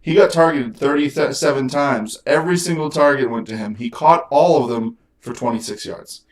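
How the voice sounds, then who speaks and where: A man co-hosting a casual sports podcast, relaxed and rambling, acting out little quotes. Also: mid-range voice, normal speed. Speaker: podcast co-host.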